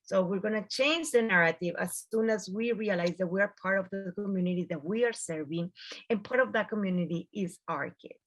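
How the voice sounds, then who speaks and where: A woman's voice: mid-range voice, brisk, faint music behind. A woman with a Mexican accent, a native Spanish speaker, talking informally on a panel as a journalist and slipping Spanish words into English in a Spanglish manner. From US-Mexico border region. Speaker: journalist and producer.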